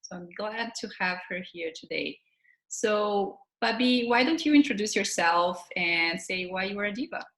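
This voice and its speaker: A woman's voice: medium pitch, animated, normal speed, fairly bright tone, echoey room, low-quality recording. A woman in her thirties hosting a videocast, friendly and conversational, talking with a guest over a video call from home. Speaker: host. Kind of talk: remote video interview.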